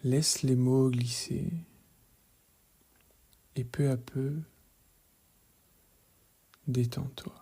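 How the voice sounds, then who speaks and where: A man leading a guided relaxation meditation in a calm, measured voice, soft and hushed, often slipping into a whisper. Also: medium pitch, vocal fry, breathy edge. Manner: calm, measured, gently instructive.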